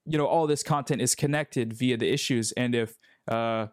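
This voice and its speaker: A man's voice: mid-range voice, moderate pace, no room sound, clean studio sound. A man talking casually as a video commentator, rambling with many fillers and restarts. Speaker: YouTube commentator. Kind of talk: casual conversation.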